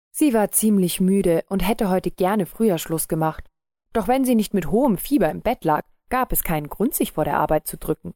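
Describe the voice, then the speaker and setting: A woman narrating an audiobook in a calm, measured read. Her voice is mellow and dark, at an ordinary pitch for a woman. The recording is close and dry. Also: no echo.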